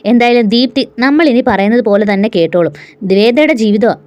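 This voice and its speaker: A woman's voice: fairly high pitch, lively intonation, brisk, a little mellow, lo-fi sound, natural voice. A woman storyteller voicing a middle-aged mother who questions doubtfully. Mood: questioning.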